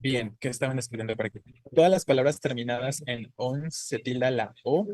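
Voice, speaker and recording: A man's voice: mid-range voice, brisk, darkish tone, dry recording. A man teaching a grammar class, explaining patiently and often checking in with his students with short tag questions. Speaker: Spanish teacher. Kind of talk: online class lecture.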